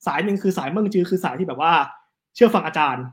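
A man, telling history stories in a casual, animated chat. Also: sits high. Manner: animated, fast storytelling with quick asides. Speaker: guest storyteller on history.

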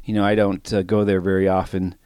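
A man's voice: sits low, level tone, fairly quick, darkish tone, smooth, dry recording. Middle-aged man, solo podcast host, winded, rambling, self-deprecating, resonant voice, dry close sound. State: out of breath. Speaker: sports betting podcast host. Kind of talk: casual solo podcast chat.

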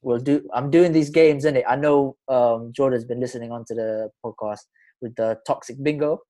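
A man's voice: medium pitch, steady tone, normal speed, mellow. A man with a London roadman accent hosting a casual podcast chat, talking in informal slang and often repeating himself. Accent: London roadman, urban slang. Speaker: podcast host.

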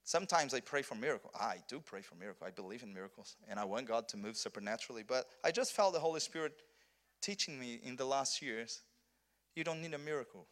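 A Portuguese-speaking pastor from southern Brazil gives a conference sermon in English, talking fast in an expressive, medium-pitched, fairly bright voice. His delivery is earnest, with many restarts and repeated words.

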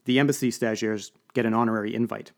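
A man's voice: fairly low pitch, fairly even intonation, quick pace, vocal fry. A man voicing a bubbly, enthusiastic young female intern who is athletic and breezy.

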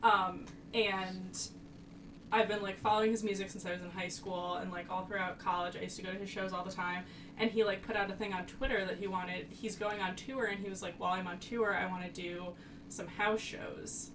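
A woman co-hosting a podcast, telling stories in animated casual chat, full of "like". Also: mid-range voice, brisk. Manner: animated, lots of "like". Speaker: podcast co-host. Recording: noisy, distant mic.

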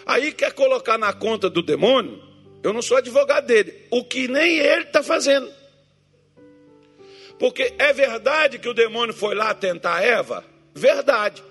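A man's voice: extremely high pitch, expressive, moderate pace, fairly bright tone, breathy edge, faint music behind. A man preaching a joking sermon as pastor, teasing his congregation and acting out Bible figures and churchgoers in different voices.

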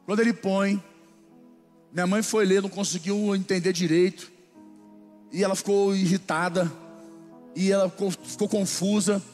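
A man with a Brazilian Portuguese accent preaching a sermon, telling a lively story and then leading a slow prayer. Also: high-pitched, in a large hall, faint music behind. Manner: animated storytelling, turning slow and solemn in prayer. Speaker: pastor.

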